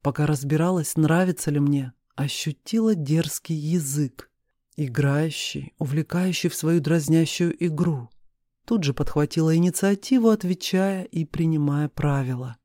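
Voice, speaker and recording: An audiobook narrator giving an expressive, steady first-person reading of a romance novel. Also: medium pitch, normal speed, no echo, clean studio sound.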